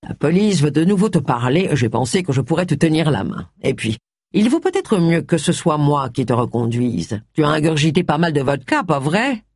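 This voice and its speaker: Livre audio : lecteur donnant voix à un ami moqueur mais bienveillant, son sec et proche. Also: male voice, a little high, big pitch swings, moderate pace, darkish tone, slightly rough, no room sound, studio quality, exaggerated voice. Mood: taquin. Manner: teasing, reassuring. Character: man, an affectionate teasing friend. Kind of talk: audiobook character voice.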